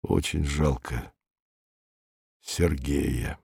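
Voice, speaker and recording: A man voicing a quiet, weary young spaceman. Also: lively intonation, measured pace, vocal fry, breathy edge, dry recording, studio quality, heavily acted. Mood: sorrowful. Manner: low, hushed and subdued.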